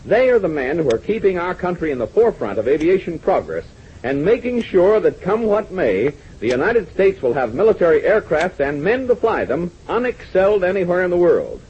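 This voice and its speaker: A husky-voiced man narrates and announces an old-time radio adventure serial. He is earnest and rallying, calling his young listeners gang, and his pitch swings widely. The sound is dull and lo-fi, like a 1940s radio broadcast. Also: very animated, a little fast.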